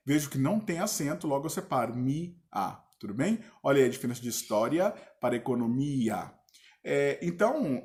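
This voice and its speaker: A male teacher with a Brazilian Portuguese accent, giving a casual grammar lesson and checking in with his students often. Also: fairly high pitch. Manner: relaxed, chatty, checks in with the class often.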